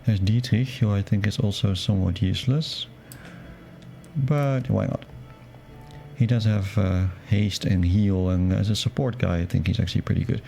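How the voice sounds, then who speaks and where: Gravelly low-voiced man streaming a game. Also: normal speed, soft background music. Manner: relaxed, musing, wry. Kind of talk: casual let's-play commentary and narration.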